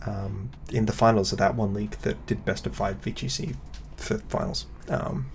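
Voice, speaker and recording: A man with a low, gravelly voice hosts a casual chat, wandering through his points with plenty of ums and likes. His tone is wry and loose rather than polished. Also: fairly even intonation, normal speed, slight background noise. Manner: rambling, filler-heavy, wry. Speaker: podcast host. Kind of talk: casual chat about competitive games.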